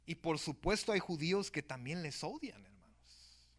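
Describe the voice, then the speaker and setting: A man's voice: a little high, animated, moderate pace. A man preaching a sermon at a church service, emphatic and often turning to address the brethren.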